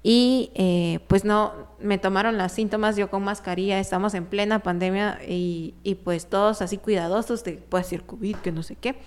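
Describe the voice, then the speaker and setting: A woman tells a personal story to a small group in a relaxed, chatty way. Her voice is smooth and clear, at a middle pitch. She is animated, laughs easily and fills her pauses with hesitations. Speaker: guest telling a personal story. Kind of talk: casual conversational storytelling.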